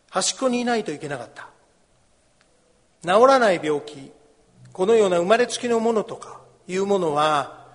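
A man's voice: high-pitched, long reverb tail. A man preaching a sermon as a pastor, explaining a scripture passage and acting out the cries of the people in it. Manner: explains scripture, acts out the beggar's and crowd's cries.

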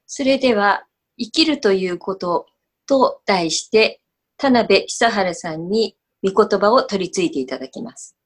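Female service leader reading scripture, formal and measured, polite register. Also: medium pitch, expressive.

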